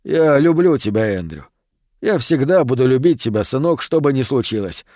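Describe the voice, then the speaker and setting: A man reading an audiobook, voicing a tender, quietly desperate father in a lowered, soft voice. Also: sing-song, normal speed, dry recording, clean studio sound, close to an everyday voice.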